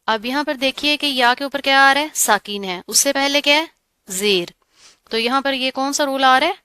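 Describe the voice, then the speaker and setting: A woman teaching Quran recitation rules, explaining patiently and often checking in with the learner, with slow, melodic recitation. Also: high voice, pushed and bright, no room sound. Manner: recites verses slowly and melodically. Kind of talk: tajweed lesson.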